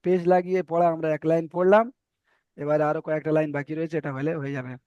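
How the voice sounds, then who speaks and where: A man's voice: fairly high pitch, little pitch movement, quick pace, a little mellow, smooth, no echo, highs cut off. A man teaching Arabic letter reading in an online class, patiently repeating each point and checking that students follow.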